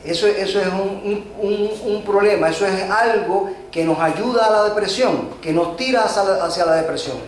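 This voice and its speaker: A man's voice: sits high, moderate pace, few pauses. Chilean man preaching in an echoey church. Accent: Chilean Spanish. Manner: hesitant, frequent filler sounds and repeated words; addresses the congregation as brothers. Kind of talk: sermon. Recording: echoey church hall with faint noise.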